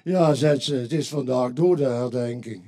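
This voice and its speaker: A man's voice: medium pitch, normal speed, warm tone. A man with a Limburgish accent performing a carnival joke routine, acting out the characters in his jokes. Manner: tells punchline jokes, acting out quoted voices. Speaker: carnival stand-up comedian.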